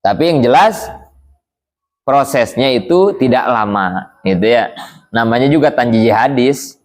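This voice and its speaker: A man's voice: medium pitch, expressive, a little slow, darkish tone. A man teaching an Islamic study lecture in a conversational way, acting out the pleading cries of the dying. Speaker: religious teacher.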